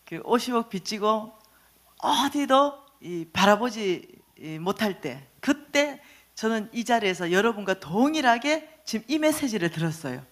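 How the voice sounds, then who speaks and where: Woman preacher, high voice, swooping lively delivery, testimony sermon, questions the congregation. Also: a little slow. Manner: questions the audience directly, urging answers.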